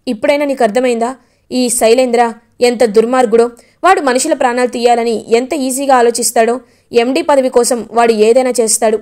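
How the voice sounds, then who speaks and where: A woman's voice: a little high, fairly even intonation, brisk, a little mellow, natural voice. Woman voicing an earnest, pleading father. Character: grieving father accusing a family villain.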